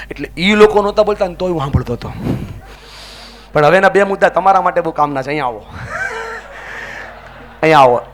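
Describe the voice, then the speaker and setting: A man giving a motivational speech to a live audience, energetic and calling out to the crowd for answers and chants. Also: sits high. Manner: leads the audience in loud chants. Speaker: motivational speaker. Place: large event hall with an audience.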